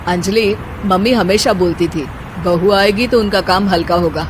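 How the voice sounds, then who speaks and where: A man's voice: high voice, normal speed, background noise, natural voice. A man voicing a kind, caring young husband in a cartoon story. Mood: gentle.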